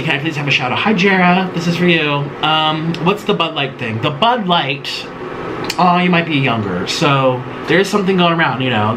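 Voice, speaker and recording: A man in his late twenties chatting loosely while eating, reading viewer questions aloud and rambling with many ums and little giggles. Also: on the high side. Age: late 20s. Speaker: mukbang host. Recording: steady air-conditioner hum behind.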